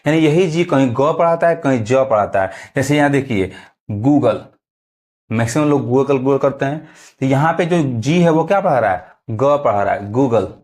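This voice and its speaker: A man's voice: medium pitch, expressive, moderate pace, a little mellow. A man teaching English pronunciation in a video lesson, repeating words and often checking whether students understand. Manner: repetitive, keeps asking if students understand.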